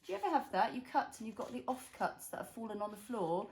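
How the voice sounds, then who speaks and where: Higher-voiced woman reading to a young child. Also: very animated, quick pace. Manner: encouraging, asks the child tag questions. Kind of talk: reading a picture book aloud to a young child, with chatty asides. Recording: roomy echo, clear background noise and clicks.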